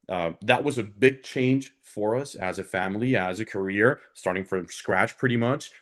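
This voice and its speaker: A man from Honduras, speaking as an alumnus guest on a panel in an earnest, conversational way that often checks in with the listener. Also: fairly low pitch. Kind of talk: conversational career talk on a panel.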